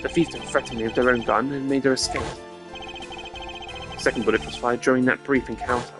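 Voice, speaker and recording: Playing a composed male prosecutor from a mystery game, a man lays out his reasoning with measured care in a formal, deliberate way, sounding assured and pointed. His natural, mid-range voice keeps a fairly even intonation while music plays clearly in the background.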